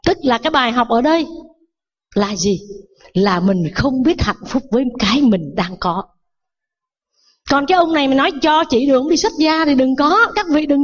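A woman's voice: sits high, lo-fi sound. A Buddhist nun giving a sermon, telling a parable and asking her listeners rhetorical questions.

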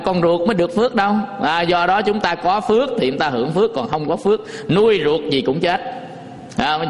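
High-voiced monk preaching in a reverberant hall. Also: male voice. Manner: folksy storytelling with rhetorical questions to the audience. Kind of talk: dharma talk sermon.

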